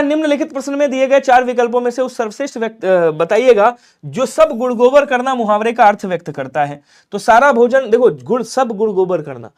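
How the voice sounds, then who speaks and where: A man with a very high voice teaches Hindi grammar in a live online class for exam prep. He coaxes his viewers, repeats points, and pushes them to answer quickly.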